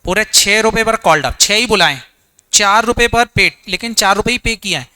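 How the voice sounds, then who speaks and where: A man speaks a little fast in a bright, forceful, clear and resonant voice during an accounts revision lecture for exams. He fires questions at the class, answers them himself in a low voice, and mixes English terms into Hindi.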